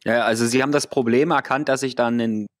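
A man's voice: mid-range voice, fairly even intonation, fast talker, no echo. Podcast co-host, Berlin man, argues with examples, dry close mic. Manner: argumentative, explains with examples. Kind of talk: casual political discussion.

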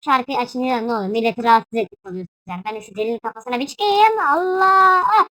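A woman's voice: on the high side, animated, rapid-fire, dry recording. A young woman casually commentating her own gameplay, playful and chatty, breaking into shrieks and yelps when startled. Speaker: gaming YouTuber.

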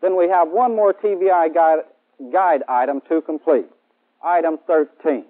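Recorded on a band-limited 1960s film soundtrack that sounds like a phone line, a slightly high-voiced American man in his thirties lectures at a measured pace. He plays a military instructor in a training film shot on an indoor studio set, and his delivery is formal and methodical.

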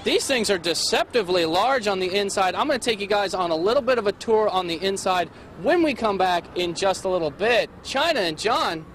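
A man's voice: high voice, lively intonation, a little fast, few pauses, fairly bright tone, a little hiss or hum. A young man reporting live for morning TV on an RV lot, holding a handheld mic and talking in an upbeat, chatty promo style. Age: young adult. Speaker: field reporter. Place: outdoors beside an RV on a sales lot, then inside the RV.

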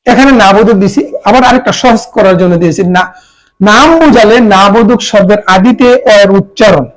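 A teacher giving a patient exam-prep grammar lesson. The voice sits at a middle pitch, and each example word is repeated slowly. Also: poor audio.

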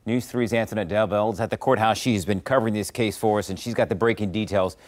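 Fast-talking man anchoring the news. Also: lowish voice, steady tone. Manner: brisk scripted delivery.

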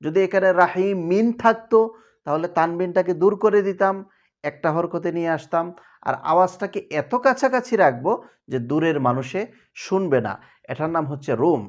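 A man teaching Quran recitation rules in a televised lesson, explaining step by step and chanting verses slowly as examples. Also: high-pitched, lively intonation, lo-fi sound.

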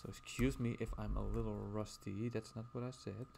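A man's voice: on the low side, fairly even intonation, brisk, vocal fry, mellow, a little hiss or hum. A man streaming casually as he draws, rambling and chatting while reading out viewer messages. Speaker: livestreamer.

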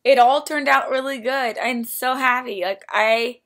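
A young woman speaks with new dentures, so her words come out a little different from normal. She sounds upbeat and reassuring, like a casual video diary. Her voice sits a touch above the usual pitch. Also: fairly even intonation, unhurried, a bit bright. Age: young adult. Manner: slightly altered speech, upbeat and reassuring. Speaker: vlogger. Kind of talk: casual talk to camera.

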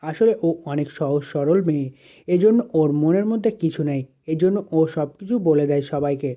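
A man doing a gentle coaxing young sister. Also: deep voice, dull audio. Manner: soothing, persuasive.

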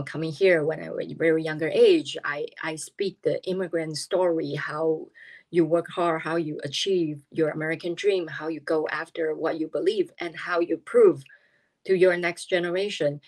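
A woman in her fifties with a Taiwanese accent and a low, deep voice speaks over a video call from a small room at home. She talks earnestly but haltingly, pausing often on fillers as she searches for words. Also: steady tone. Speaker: interviewee, politician.

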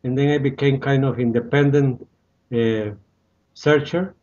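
Older Costa Rican man, halting speech. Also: mid-range voice, fairly even intonation, a little mellow, muffled recording. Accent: Costa Rican Spanish. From Costa Rica. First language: Spanish. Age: 60s. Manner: halting, many "uh" fillers and restarts. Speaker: guest. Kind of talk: casual interview, personal story.

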